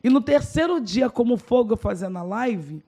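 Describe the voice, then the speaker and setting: Brazilian woman pastor as podcast guest, gravelly voice, emotional storyteller. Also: fairly high pitch, expressive, moderate pace, mellow. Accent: Brazilian Portuguese. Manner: emotional storytelling, acts out dialogue. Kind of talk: personal testimony in a podcast interview.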